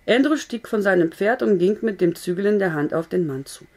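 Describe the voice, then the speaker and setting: A woman reading a novel aloud in a steady, even way at a medium pitch. She now and then stops to correct a slipped word and goes on. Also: brisk. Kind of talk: audiobook-style story reading.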